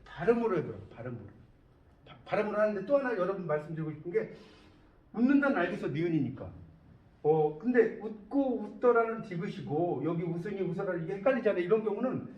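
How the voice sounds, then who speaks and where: Heard from afar in an echoey, dull classroom recording, a man lectures quickly in a high, animated voice. He's a university lecturer who keeps stopping to ask whether the students are following along.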